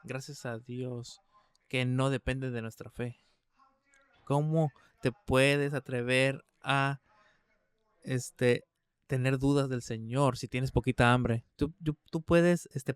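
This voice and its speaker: A man's voice: medium pitch, clear, resonant tone, no room sound. An older man preaching a translated sermon in an emphatic way, with frequent restarts and fillers. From United States.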